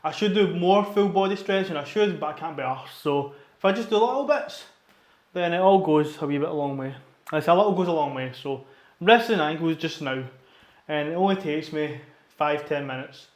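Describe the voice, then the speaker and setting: A man's voice: a little high, a little fast. A man chatting casually in a workout vlog, plain-spoken and a bit self-deprecating. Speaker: fitness vlogger. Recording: echoey room.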